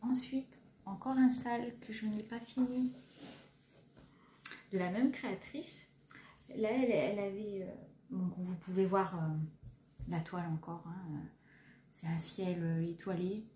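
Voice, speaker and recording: A woman in her thirties talks through her stitching projects in a rambling way, full of fillers and little jokes at her own expense. Her voice is mellow and soft in tone. The recording picks up an echoey room with a faint hiss behind her. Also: mid-range voice, fairly even intonation, unhurried, long pauses. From France. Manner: chatty, hesitant, many fillers, self-deprecating. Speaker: cross-stitch vlogger. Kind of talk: casual show-and-tell chat.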